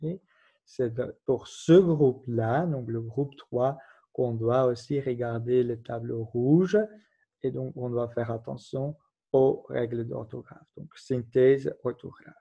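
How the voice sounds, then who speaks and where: A man's voice: medium pitch, fairly even intonation, slow, creaky, dark tone. A man giving a recorded grammar lesson, patiently explaining rules and spelling out letters one at a time. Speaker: teacher. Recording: dull lo-fi recording.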